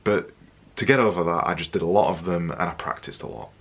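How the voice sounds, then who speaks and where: A young man with a low, slightly husky voice gives presentation tips straight to camera. He talks energetically and jokes around, hammering his points home by repeating them. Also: fast. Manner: energetic, jokey, repetitive emphasis. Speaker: vlogger giving presentation tips. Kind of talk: casual to-camera vlog.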